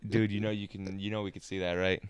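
A man's voice: deep voice, flat delivery, quick pace. A young man co-hosting a podcast in casual, joking banter. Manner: joking, does goofy voice bits. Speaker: podcast co-host.

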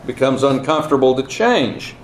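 A man preaching at a pulpit microphone as a guest Bible lecturer, in a halting, measured, emphatic delivery. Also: medium pitch, lively intonation, roomy sound, poor audio. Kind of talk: sermon with scripture reading and prayer. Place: church conference, speaking to seated congregation. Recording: clear background noise, live room.

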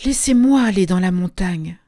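A woman voicing a headstrong young female goat in a storybook reading, soft and pleading but stubbornly polite. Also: lowish voice, expressive, normal speed.

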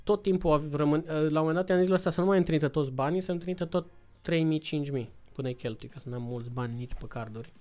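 A man's voice: on the high side, hardly any pauses. A man casually telling a long travel story, acting out other people's lines. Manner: lively storytelling, acts out voices in quotes. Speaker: podcast guest.

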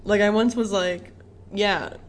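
A woman's voice: medium pitch, lively intonation, moderate pace. A woman co-hosting a podcast in casual chat, giggly and self-mocking as she rambles. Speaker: podcast co-host.

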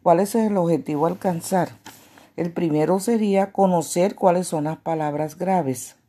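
A woman teacher giving a grammar lesson to children, explaining slowly and asking herself questions. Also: lowish voice, warm tone, breathy edge. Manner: slow, deliberate explaining with rhetorical questions.

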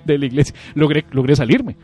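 A young Costa Rican man talks casually on a podcast, his voice sitting a touch high and swinging widely in pitch. He tells stories with a lot of animation, jumping into shrill shouts when he acts out a child. Soft music plays faintly underneath. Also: animated, brisk. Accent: Costa Rican Spanish. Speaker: podcast co-host. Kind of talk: casual comedic chat.

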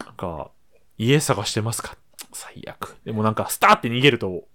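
Man co-host, casual chat, expressive pitch swings, acts out the people in his stories. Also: brisk. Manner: animated storyteller, acts out quoted lines, laughs often. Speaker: podcast co-host and editor.

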